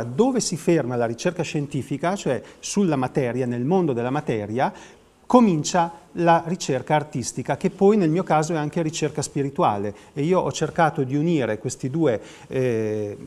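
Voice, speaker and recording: A man's voice: on the high side, darkish tone. A middle-aged man explaining his artwork as an interview guest, reflective and hesitant in his phrasing. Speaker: artist guest. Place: TV studio.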